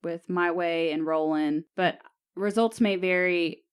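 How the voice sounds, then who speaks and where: A woman's voice: on the low side, steady tone, a little slow, clear, resonant tone. A woman in her late twenties co-hosting a podcast, chatting casually with playful teasing. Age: 20s. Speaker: podcast co-host.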